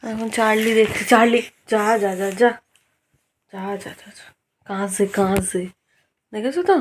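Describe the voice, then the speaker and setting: A woman's voice: a little high, steady tone, unhurried, a little hiss or hum. Coaxing mother chatting in a home vlog. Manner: coaxing, repetitive talk to her small son. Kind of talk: casual vlog chat. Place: home at night.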